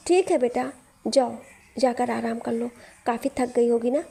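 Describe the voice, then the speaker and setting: A woman's voice: fairly high pitch, a little slow, gravelly, warm tone, breathy edge, heavily acted. A woman voicing a middle-aged mother who scolds her son but fusses over her daughter-in-law. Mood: motherly.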